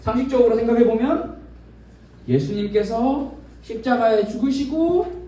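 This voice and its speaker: High-voiced man preaching to children. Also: a little slow, warm tone. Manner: asks children questions, acts out imagined dialogue. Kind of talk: children's sermon. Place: church worship room. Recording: very echoey room, from a distance.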